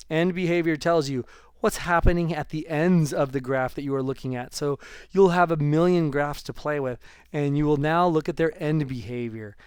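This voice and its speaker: Male math teacher, recorded video lesson; smooth, resonant voice, dry close sound, casual jokey delivery with bursts of speed. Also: on the high side, no echo. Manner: chatty, jokey, talks straight to students.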